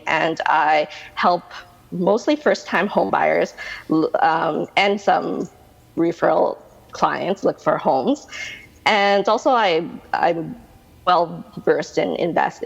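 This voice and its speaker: A Canadian woman in her thirties talks through her answers with lots of fillers and restarts. Her low voice is husky with a gravelly fry. The recording is dull and lo-fi, with a long hall-like reverb. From Canada, Manitoba. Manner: chatty, rambling with many restarts and fillers. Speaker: guest, realtor. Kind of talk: interview answers.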